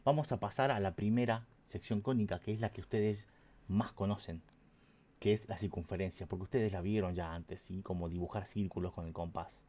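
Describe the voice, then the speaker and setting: A man's voice: low-pitched, steady tone, fairly quick, dark tone. A man teaching an online math lesson, patient and explanatory, often checking in with his students.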